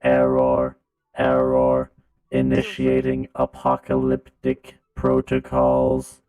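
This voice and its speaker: A man's voice: extremely low pitch, monotone, takes it slowly, narrow, tinny audio, faint music behind. A man voicing a malfunctioning robot drone, a glitching machine that keeps repeating error messages in a tabletop game.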